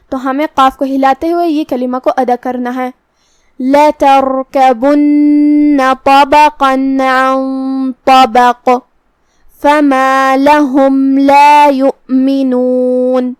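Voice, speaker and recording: Female tajweed teacher, high-pitched, methodical, dry close-miked read. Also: no echo. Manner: calm, methodical, explains each letter slowly. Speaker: Quran recitation teacher. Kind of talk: step-by-step tajweed lesson.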